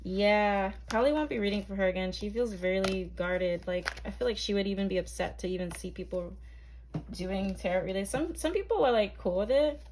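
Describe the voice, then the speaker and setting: A woman's voice: medium pitch, fairly quick, darkish tone, slight background noise. A young woman from Barbados, reading tarot cards to camera in a chatty, hesitant way full of ums and likes. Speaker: tarot reader.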